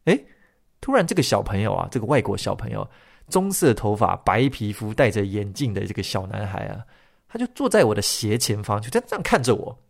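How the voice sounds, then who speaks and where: A man hosting his own podcast and telling a story. He often ends his phrases with drawn-out particles. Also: on the low side, sing-song, vocal fry. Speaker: podcast host.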